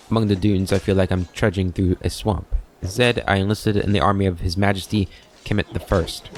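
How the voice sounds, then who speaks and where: A man reading the lines of a disciplined veteran soldier who speaks in a formal, measured way. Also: low voice, darkish tone.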